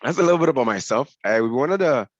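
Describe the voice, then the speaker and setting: A man's voice: mid-range voice, expressive, fast, no room sound. A man from Ghana, a senior scrum master, giving a conversational webinar presentation over a headset on a video call. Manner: conversational, explanatory. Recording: dull lo-fi call audio.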